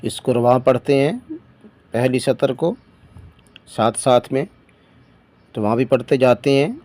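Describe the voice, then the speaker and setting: A man teaching Quran reading, spelling each syllable out slowly and then explaining the rule quickly. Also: medium pitch, steady tone, darkish tone. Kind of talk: Tajweed lesson, spelling out syllables.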